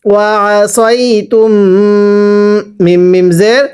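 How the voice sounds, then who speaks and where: A man teaching Quran reading, spelling out each letter and vowel mark slowly, then asking the listener to repeat after him. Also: sits high, clear, resonant tone. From Bangladesh. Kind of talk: slow spelling-out recitation lesson.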